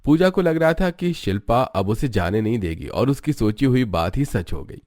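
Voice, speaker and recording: A man narrating a cartoon story in an even storytelling way. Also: medium pitch, moderate pace, no room sound.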